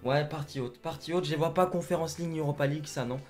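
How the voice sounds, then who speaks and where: A young man co-hosting a casual football chat, talking fast and directly to viewers. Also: on the high side, darkish tone, soft background music. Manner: chatty, addresses viewers as "les gars". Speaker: football channel co-host.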